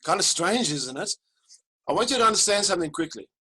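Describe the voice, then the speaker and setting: Lively man coaching online. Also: high voice, fast, breathy edge, rough recording. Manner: animated, addresses audience directly, counts them in. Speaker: life coach and webinar presenter. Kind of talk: live online coaching lesson. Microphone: video call.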